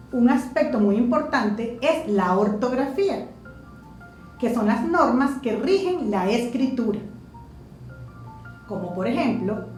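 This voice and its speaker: Woman teacher, slightly high voice, lively pitch, slow pace, echoey room, faint music. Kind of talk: slow, measured classroom explanation.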